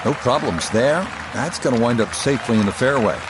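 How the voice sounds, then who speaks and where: A man giving measured, understated play-by-play as a golf commentator. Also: medium pitch, lively intonation, a crowd in the background, noisy background.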